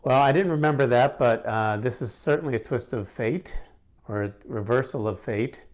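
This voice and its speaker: A middle-aged gemstone instructor hosts a casual question-and-answer lesson to camera, friendly and chatty with frequent fillers and restarts. His voice is medium in pitch with a darkish tone.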